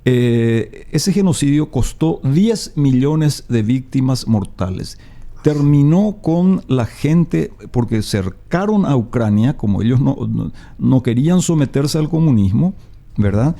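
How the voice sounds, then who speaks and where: A man's voice: mid-range voice, animated, slow pace, dark tone. A man, a guest explaining his views emphatically in a radio interview, with many hesitations. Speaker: political commentator guest.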